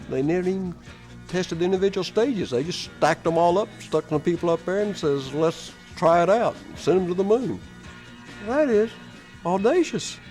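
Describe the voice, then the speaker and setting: A man's voice: high-pitched, animated, normal speed, a little mellow, faint music behind, poor audio. A man commenting emphatically and colloquially in a documentary interview.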